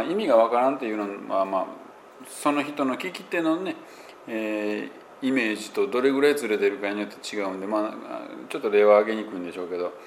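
A man with a Kansai Japanese accent, teaching English pronunciation in a casual spoken explanation and working through examples with many fillers. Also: fairly low pitch. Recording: echoey room with faint background noise.

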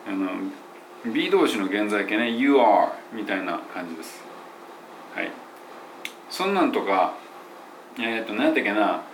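A man who teaches English pronunciation, chatting loosely in an audio diary with many fillers and self-corrections, and slowing down to demonstrate English phrases. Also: on the low side, big pitch swings, a little hiss or hum. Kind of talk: casual spoken audio diary.

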